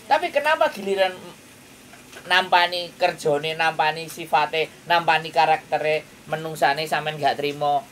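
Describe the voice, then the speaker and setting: The voice is slightly high, slightly slow, and a bit bright, belonging to a man with a Javanese accent who counsels in a casual yet emphatic, lecturing way. He keeps checking with rhetorical questions, captured by a distant mic in a loud kitchen full of frying.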